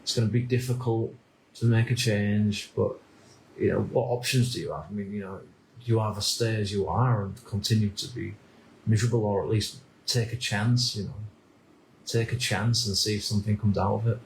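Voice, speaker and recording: A man in his thirties from the United Kingdom, talking through a reflective personal monologue in a halting way, often repeating words and restarting sentences. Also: fairly low pitch, steady tone, vocal fry, roomy sound, a little hiss or hum, poor audio. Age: 30s. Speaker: vlogger.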